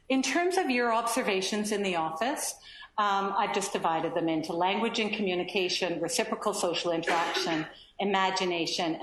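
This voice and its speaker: A woman developmental pediatrician giving a lively lecture to doctors, acting out quoted children and parents. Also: medium pitch, echoey room, a little hiss or hum. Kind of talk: lecture to physicians.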